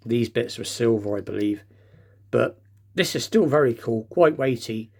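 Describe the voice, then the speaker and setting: Man, slight lisp from a bitten tongue, casual hobby host, understated, rambling, medium pitch. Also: animated, moderate pace, vocal fry, a little mellow. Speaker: host of a diecast toy collecting show. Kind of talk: casual collector show-and-tell.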